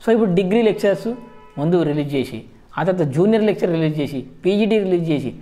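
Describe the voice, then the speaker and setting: Male advice host, Telangana accent, rapid informal explaining in Telugu-English mix. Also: a little high, mellow. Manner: Telugu mixed with frequent English words. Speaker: job-exam advice video host. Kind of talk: informal explanatory commentary to viewers.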